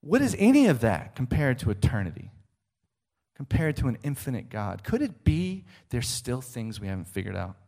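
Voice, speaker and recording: A man's voice: medium pitch, very animated, normal speed, darkish tone. A middle-aged man preaching a sermon, emphatic and rhetorical, often checking in with the listener.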